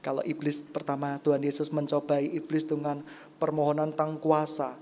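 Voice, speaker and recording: A preacher from Kediri, East Java, Indonesia, delivers a sermon at normal speed. He swings between loud, excited exclamations and soft, low passages, often addressing the congregation as brothers and sisters.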